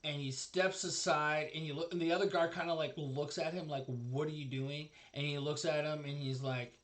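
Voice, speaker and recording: A man narrating as game master in a tabletop game, halting with many fillers. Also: fairly high pitch, fairly even intonation, a bit bright.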